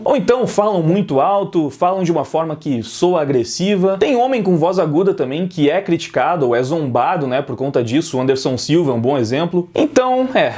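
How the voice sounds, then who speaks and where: Brazilian Portuguese-accented man with a high voice for opinion-vlog commentary, emphatic and loud when excited. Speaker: opinion video host and singer.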